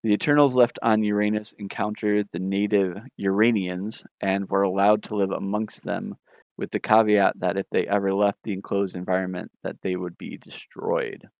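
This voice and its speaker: Gravelly low-voiced man recapping comics. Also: moderate pace, no room sound. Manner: relaxed retelling with frequent ums and chuckles. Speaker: podcast host. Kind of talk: casual comic book recap.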